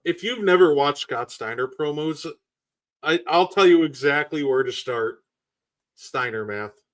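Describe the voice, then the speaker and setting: A podcast co-host chats casually about wrestling, his voice on the high side with lively intonation, a little slow and a bit bright. He sounds enthusiastic and fills his speech with lots of "like"s.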